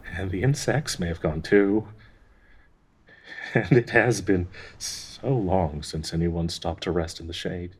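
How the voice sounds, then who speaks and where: In an intimate audio roleplay, a man plays a gentle, devoted dryad tree spirit, speaking in a breathy, fairly low voice. Anxiously hopeful, wistful, and reassuring, he halts and stammers tenderly with soft, nervous laughs.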